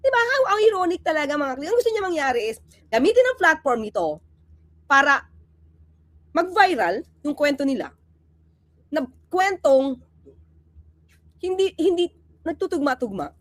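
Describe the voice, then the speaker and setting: A woman's voice: high-pitched, big pitch swings, moderate pace, long pauses, no room sound. A woman giving impassioned, sarcastic commentary, asking rhetorical questions and acting out little scenes.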